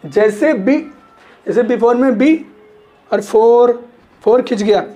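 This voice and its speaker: A man's voice: very high voice, takes it slowly, warm tone, faint music behind. A man teaching literature in a classroom lecture, repeating points, checking understanding and stretching words to show stress.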